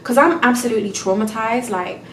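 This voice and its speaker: A woman's voice: a little high, fairly quick, echoey room, far from the mic, slight background noise, rough recording. A young woman venting in a casual storytime vlog, exasperated and close to tears, full of "like" and "do you know what I mean". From England. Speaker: vlogger.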